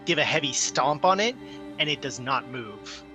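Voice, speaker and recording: Bright-voiced man running a tabletop game. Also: mid-range voice, expressive, normal speed, faint music behind. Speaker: game master. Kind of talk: casual narration of a tabletop game.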